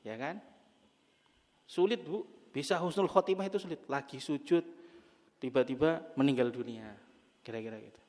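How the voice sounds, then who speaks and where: A man's voice: mid-range voice, normal speed, long pauses, a little mellow, long reverb tail. A man preaching to a women's study group in a mosque, telling stories with humor and asking the audience questions. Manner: humorous storytelling, jokes with audience.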